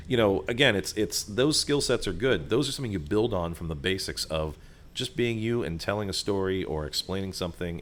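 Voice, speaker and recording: A man's voice: sits low, a bit bright, slight background noise. A man, a voiceover artist and sound designer, talking as a guest over a restaurant table, chatty and loose with plenty of fillers and asides. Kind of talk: conversational explaining.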